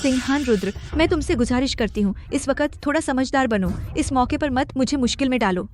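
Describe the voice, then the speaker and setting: A woman's voice: high-pitched, a little fast, noisy background, natural voice. An actress playing a proud businesswoman who pleads with and scolds her estranged husband, in a dubbed short drama. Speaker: wife.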